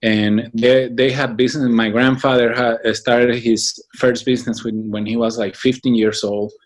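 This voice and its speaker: Halting and reflective, a Mexican business association founder answers questions as an interview guest, with many fillers and restarts. His medium-pitched voice shows little pitch movement.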